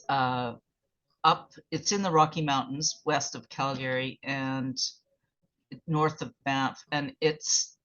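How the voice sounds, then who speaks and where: A woman leads a casual online group session in a relaxed, chatty way, laughing easily between prompts. The audio has the dull, muffled sound of a video call. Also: sits low. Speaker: host.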